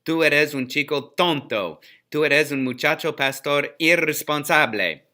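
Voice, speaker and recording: A stern shepherd father, played by a man in a read-aloud storybook, scolding in slow, deliberate words. The voice is bright and slightly raised, each phrase pressed home. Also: a little high. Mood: angry scolding.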